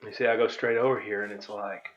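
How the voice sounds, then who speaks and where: A man's voice: lowish voice, steady tone, fast talker. A man hosting a vlog, giving casual, rambling commentary over his own footage. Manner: rambling, informal storytelling. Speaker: video host. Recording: dull, lo-fi microphone audio.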